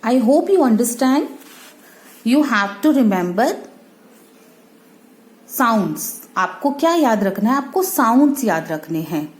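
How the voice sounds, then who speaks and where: Slow, careful woman teaching phonics. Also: fairly high pitch, big pitch swings, reverberant. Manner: slow, drawn-out sounding of letters, mixing Hindi and English. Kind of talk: phonics lesson, sounding out words.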